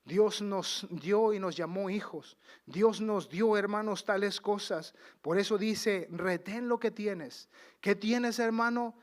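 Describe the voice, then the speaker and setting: A male preacher delivers a fervent sermon in a fairly high voice. He stretches quoted scripture out slowly, swelling to loud declarations and then sinking to soft, low asides. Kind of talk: Pentecostal sermon.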